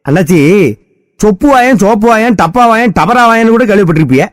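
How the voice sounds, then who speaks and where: A man's voice: high-pitched, quick pace. A man with a Tirunelveli Tamil accent, chatting in a folksy, storytelling way in a scripted radio ad. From Tirunelveli, Tamil Nadu. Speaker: radio ad character, Mobile Vaayan.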